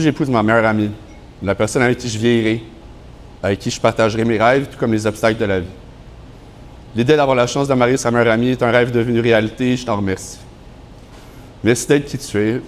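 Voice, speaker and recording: A young man with a Quebec French accent speaks at a brisk pace, giving prepared wedding vows. His pitch sits in the middle of the male range. A light ambient noise sits behind his voice. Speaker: groom. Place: wedding ceremony.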